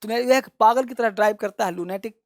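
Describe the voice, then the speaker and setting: High-pitched guy teaching exam vocab, reads example sentences super slow, dry sound. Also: no echo. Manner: drills words with call-and-repeat, loud bursts; explains English words in Hindi. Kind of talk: exam-prep vocabulary lecture.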